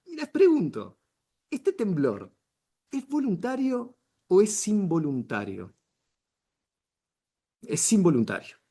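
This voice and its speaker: A man's voice: high voice, wildly swooping pitch, slow, pauses often, mellow, husky. A middle-aged man with a Rioplatense Spanish accent, teaching a public speaking workshop to camera, emphatic and full of rhetorical questions. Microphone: camera he controls with arm signals.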